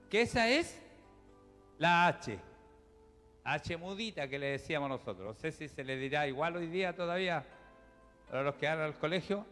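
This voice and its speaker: Pastor guy, high voice, chatty teaching sermon, long church echo, music behind. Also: a bit bright. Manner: teaching, chatty, addresses the congregation directly. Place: church hall. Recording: reverberant church hall with music.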